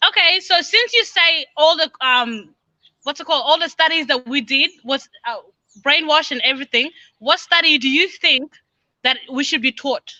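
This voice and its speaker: A woman's voice: high voice, moderate pace, sharp tone, dry recording, highs cut off. A woman from South Sudan in a casual street debate, asking probing questions.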